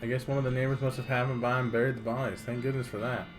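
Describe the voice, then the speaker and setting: A man with a fairly standard-pitched voice reads a video game aloud as he plays. His narration is casual, and guitar music plays clearly behind him. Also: little pitch movement, racing. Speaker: gamer reading a game aloud.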